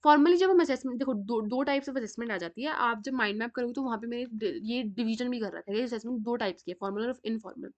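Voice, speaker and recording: A North Indian woman teaches a psychology class in a chatty way and keeps asking her students rhetorical questions. Her voice sits high. The recording sounds a little dull and lo-fi. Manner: chatty, switches between Hindi and English, asks rhetorical questions. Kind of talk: classroom lecture.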